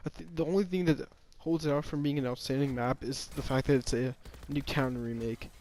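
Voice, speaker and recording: A man's voice: mid-range voice, steady tone, a little fast, a little mellow, slight background noise. A man giving a casual, rambling opinion monologue about a game, often hesitating, restarting and sighing.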